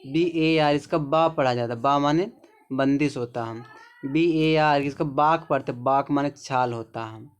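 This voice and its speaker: A man with a Hindi accent teaches English pronunciation, speaking slowly and repeating words while often checking in with the viewer. His voice is smooth and medium in pitch.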